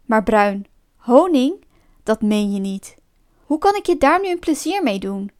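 A woman's voice: a little high, big pitch swings, a little slow, darkish tone. A woman voicing a cunning male fox in a storybook, sweet-talking and mocking under a show of friendliness. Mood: sly.

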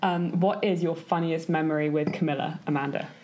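A woman hosts a casual interview and poses quick questions with a breezy, playful manner. Her voice sits slightly low. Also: fairly even intonation, a little mellow.

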